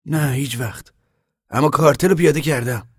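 A man voicing a touchy, hot-tempered young man who argues and shouts in an audiobook reading. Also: mid-range voice, slightly rough, dry recording, studio quality, voice pushed up, close to an everyday voice. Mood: defensive. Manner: indignant, shouting. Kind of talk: audiobook character voice.

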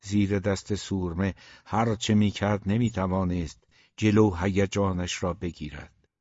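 A man narrating a novel aloud in a steady, measured reading, in a dull, dry recording. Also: deep voice, no room sound. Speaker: audiobook narrator.

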